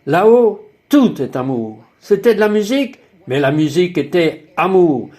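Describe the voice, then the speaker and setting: A man's voice: sits high, sing-song, moderate pace, darkish tone. A man narrating a dubbed personal testimony in an emphatic, exclaiming way, full of wonder.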